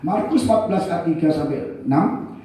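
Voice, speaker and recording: A man's voice: a little high, expressive, normal speed, warm tone. A middle-aged man preaching a sermon, telling stories animatedly and acting out the quoted voices. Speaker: pastor. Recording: very echoey, from a distance.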